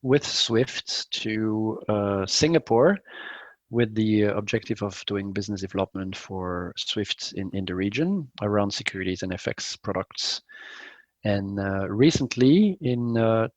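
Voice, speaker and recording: A middle-aged man from Belgium, answering interview questions in a measured way and pausing often to find his words. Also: on the low side, dry recording, low-quality recording. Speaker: guest, company CEO.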